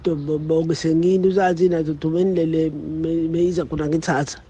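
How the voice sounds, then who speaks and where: A man, a student, reading a passage aloud haltingly and restarting words often. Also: fairly high pitch, flat delivery, dark tone, slightly rough.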